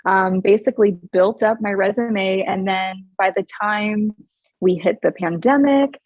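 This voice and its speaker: A woman's voice: medium pitch, a little slow, dry recording, phone-quality sound. Earnest upbeat woman, dry close sound. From Hawaii. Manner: earnest and upbeat, warm with frequent laughs. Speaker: podcast guest. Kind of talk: casual interview chat.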